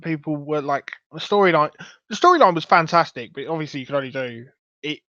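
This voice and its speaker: A man's voice: a little high, expressive, a little fast, sharp tone, dry recording. A young man hosting a podcast, talking casually and enthusiastically, rambling a bit. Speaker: podcast host. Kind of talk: casual chat. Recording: dull, lo-fi dry sound.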